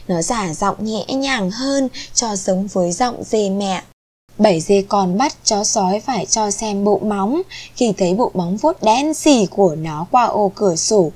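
A woman reads bedtime-style stories aloud to small children. Her delivery is gentle and clear, and she takes her time over every phrase. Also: medium pitch. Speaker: children's storyteller. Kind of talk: storytelling for young children.

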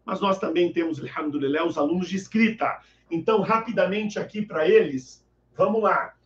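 A man's voice: sits high, moderate pace, echoey room, muffled recording. A man teaching Arabic in a chatty live online class, joking and reading viewers' names from the chat. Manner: lively, joking, reads chat names aloud.

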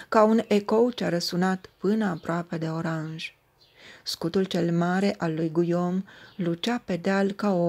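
Woman narrating a legend, slightly low voice. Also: creaky, a little mellow. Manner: measured, dramatic storytelling. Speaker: audiobook reader.

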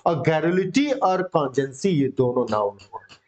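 A man's voice: a little high, expressive, unhurried, darkish tone. A male English vocabulary teacher, drilling words with students in a casual, encouraging coaching-class manner. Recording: dull lo-fi sound.

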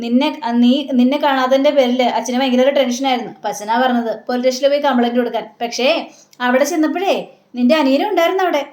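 In an echoey room, a woman with a high-sitting, darkish, natural voice quickly reads a young husband's lines as he teases and defensively stands up for himself, retelling them plainly.

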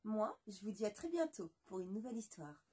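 A woman storyteller reading a bedtime story aloud in a soft, expressive way and speaking fondly to children. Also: medium pitch, fairly quick, slightly rough.

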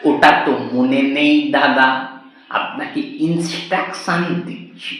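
A man's voice: on the high side, steady tone, bright, forceful tone. Man acting a belligerent drunk husband, very echoey. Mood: slurred pleading. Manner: belligerent drunken rambling, drawn-out words. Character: belligerent drunk husband, rambling, muddled and insolent. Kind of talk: comedy sketch acting. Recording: very echoey, reverberant room.

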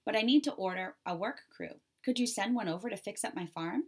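A woman's voice: mid-range voice, a little fast, darkish tone, breathy edge, lightly acted. A woman voicing a thoughtful, thrifty male farmer in a children's storybook read-aloud, plain and practical.

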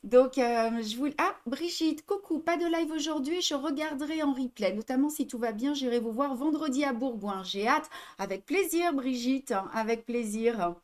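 Woman host with a French accent, slightly high voice, chatty livestream style, reads comments aloud. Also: moderate pace. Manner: chatty, reads out viewer comments, repeats herself in three languages. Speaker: embroidery shop host. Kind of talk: casual livestream chat.

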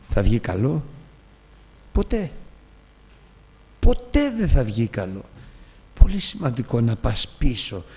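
Husky-voiced man preaching in a hall. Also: medium pitch, a little mellow. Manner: emotional storytelling, acts out dialogue. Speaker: Bible teacher. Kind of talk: sermon.

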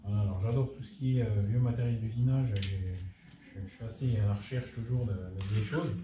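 A man hosting his own workshop channel, explaining machining in a casual technical tutorial, often pausing with fillers. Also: on the low side, muffled recording, background noise. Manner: hesitant, many filler pauses. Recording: roomy echo.

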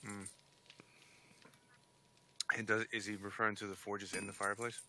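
A man's voice: lowish voice, little pitch movement, normal speed, pushed and bright. A laid-back man streaming a co-op game, chuckling and muttering to himself as he plays. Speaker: gaming streamer. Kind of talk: casual co-op gaming chat. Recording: noisy stream audio.

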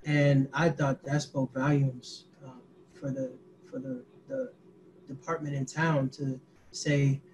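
A man in his twenties, a youth activist, recounting events on a video call in a halting way with many fillers. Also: a little high, darkish tone, slight background noise, poor audio. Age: 20s. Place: small indoor room. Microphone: laptop webcam mic, group on one call.

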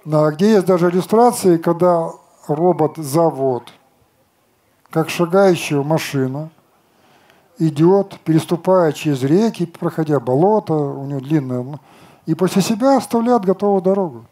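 Older man with a dark, mellow voice. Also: a little high, lively intonation, moderate pace. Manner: confident, lecturing, rhetorical questions, brushes off objections. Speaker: company chief designer answering questions. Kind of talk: outdoor stage talk and Q&A. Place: outdoor festival stage.

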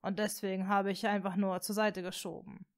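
A woman reading a fan story aloud, voicing a gentle, tentative blond teenage boy wizard in a soft, hushed voice. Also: mid-range voice, fairly even intonation, moderate pace, natural voice.

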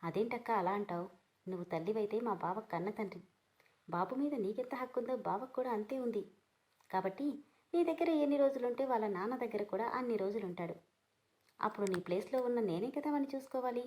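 A woman's voice: mid-range voice, quick pace, warm tone, lightly acted. A coy, scheming young woman from a read-aloud story, as a woman narrator voices her. She sweet-talks while needling her older sister.

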